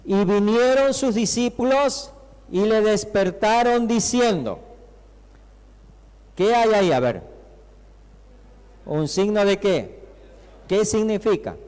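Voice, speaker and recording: A male pastor with an Argentine accent preaches in a fairly high voice, drawing the congregation in with rhetorical questions and acted-out cries. His voice carries a long reverb from the church hall around him. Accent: Argentine Spanish. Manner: conversational preaching, rhetorical questions, acts out shouting disciples. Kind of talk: sermon.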